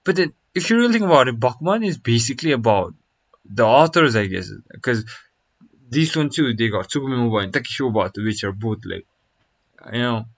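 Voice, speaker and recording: A man's voice: medium pitch, animated, brisk. A young man streaming, chatting casually and reacting to a video in a rambling, slangy way full of fillers. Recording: dull lo-fi mic.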